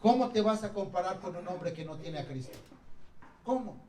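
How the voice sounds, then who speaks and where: A man preaching a sermon, lively and acting out quotes and jokes. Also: high voice, normal speed, slight background noise. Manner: animated, acts out quotes and jokes. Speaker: pastor. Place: church hall. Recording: echoey hall from far off.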